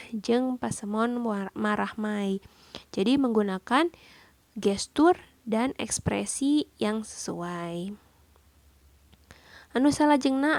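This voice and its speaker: Slow, deliberate woman teacher. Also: on the high side, no echo. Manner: explains each point then repeats it in a second language. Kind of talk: classroom lesson explanation.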